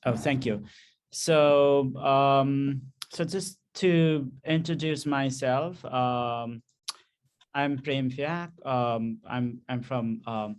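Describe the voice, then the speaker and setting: A man from Nepal hosting an online conference session, speaking with many pauses and fillers over a video call. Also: mid-range voice, clean tone. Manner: hesitant, many ums and uhs. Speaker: session host.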